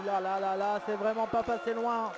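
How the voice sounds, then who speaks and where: High-pitched, excitable male wrestling commentator over crowd. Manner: excitable, exclamatory, drawn-out calls of big moves. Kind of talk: live play-by-play wrestling commentary. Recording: live event with crowd noise.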